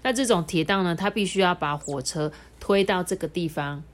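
A woman's voice: on the low side, a little fast. A woman reading a picture book aloud to her child, stopping to explain things.

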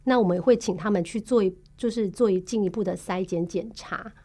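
In a podcast interview, a woman who works as a tuberculosis case manager speaks with a Taiwanese Mandarin accent, measured and patient as she explains, with frequent filler pauses. Her voice is mid-range and mellow.

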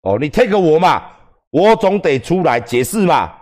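Taiwanese guy streaming, crude jokes, voice jumps all over, a bit high. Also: big pitch swings, a little slow, a little mellow. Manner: crude, profane, joking. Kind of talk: casual livestream commentary.

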